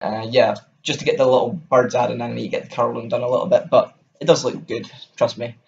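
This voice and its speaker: A Scottish music vlogger, young and with a Scottish accent, rambles keenly through a casual album review for the camera. His mid-range voice is brisk and flat in delivery, with vocal fry, over dull audio.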